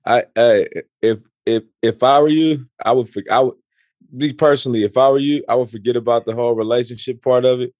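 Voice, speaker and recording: A man's voice: medium pitch, fairly even intonation, darkish tone, no echo, studio quality. A man in his forties chatting casually, often stumbling and restarting his sentences. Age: 40s. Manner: halting, repeats words and restarts often. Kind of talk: casual chat.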